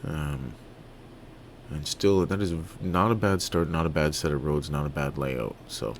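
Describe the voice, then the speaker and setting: A man from Toronto giving relaxed, halting let's-play commentary on a city-building game, full of fillers and restarts. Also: very deep voice, slight background noise. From Toronto, Canada. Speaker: gaming video creator.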